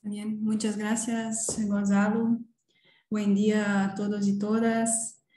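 Speaking slowly in a level, mellow, medium-pitched voice, a Brazilian woman in her thirties whose first language is Portuguese gives a seminar presentation and hesitantly searches for words. She is an academic presenter in an indoor room, heard over a video call that sounds roomy and echoing.

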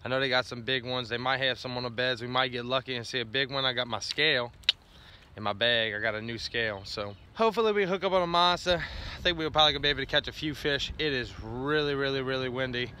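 A fishing vlogger chats to the camera on a windy lakeshore, laid-back and rambling, talking to himself between casts. He talks fast at medium pitch with a bright, forceful tone, filmed on a head-mounted and handheld action camera with background music under his voice.

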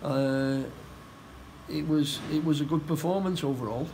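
A middle-aged man, a football manager, talks through a post-match interview indoors. His voice sits a little high, and he restarts and repeats words as he goes. A faint background hum runs under the recording. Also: darkish tone, low-quality recording. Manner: halting, repeats words, plain-spoken. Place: indoor room by a stadium door.

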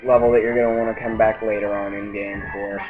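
A man's voice: fairly low pitch, level tone, quick pace. A man giving chatty, joking commentary while playing a video game. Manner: joking, chatty remarks over gameplay. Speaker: let's play commentator. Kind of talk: gaming commentary. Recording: tinny phone-like mic, faint game music.

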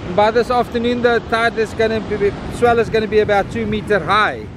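A man's voice: high-pitched, a little fast. A South African man narrating a casual vlog outdoors, speaking informally to viewers and repeating phrases for emphasis, with wind noise on the recording. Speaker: vlogger filming a morning beach walk. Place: outdoors on a windy beach. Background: wind and outdoor ambience.

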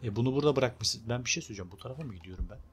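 Young male let's-play host, mid-range voice, casual and excitable, faint background noise. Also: medium pitch, racing. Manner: chatty, excitable, talks to viewers and the game character. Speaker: gameplay video host.

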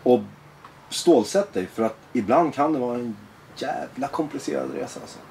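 A man being interviewed as a guest, talking in a blunt, animated, profane way. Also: medium pitch, vocal fry, a little hiss or hum. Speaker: guest, former extremist. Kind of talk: personal interview conversation.

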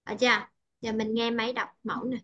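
A Vietnamese woman with a high, bright-pitched voice tutors English pronunciation one-on-one, patiently repeating and checking that her student follows. The sound is dull and lo-fi, like a call. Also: little pitch movement, a little fast. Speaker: English teacher.

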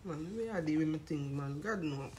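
A woman chatting casually to camera at home, eating and gently scolding her toddler between bites. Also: deep voice, animated, moderate pace, slight background noise. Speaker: vlogger and mother.

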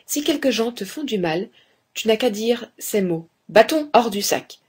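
Fairy-tale master, calm male teacher, put on by a woman; quiet, husky. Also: a little high, measured pace. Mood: instructing.

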